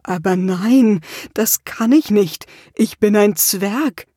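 A woman voicing a peaceful male dwarf who speaks slowly and calmly. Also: medium pitch, no room sound, clean studio sound. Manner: slow, calm, gravelly.

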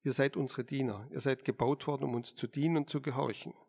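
A man's voice: mid-range voice, fairly even intonation, fast talker, darkish tone, lightly acted. A man voicing a restless man hungry for adventure in an audiobook, indignant and demanding. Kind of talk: audiobook character reading.

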